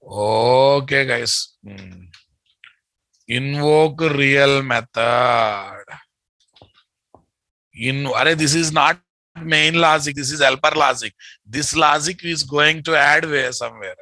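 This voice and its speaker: Bright-voiced Telugu-accented man teaching. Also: mid-range voice, a little slow, no echo, low-quality recording. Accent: Telugu Indian. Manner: repeats phrases, often checks in with students. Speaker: programming teacher. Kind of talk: live coding lesson.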